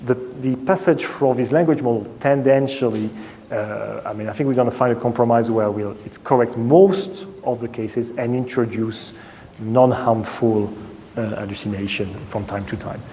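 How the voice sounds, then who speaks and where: A man's voice: mid-range voice, moderate pace, warm tone. A man answering audience questions after a conference keynote, hesitant, with many fillers and restarts. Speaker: keynote speaker. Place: large conference hall. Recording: reverberant hall, faint noise.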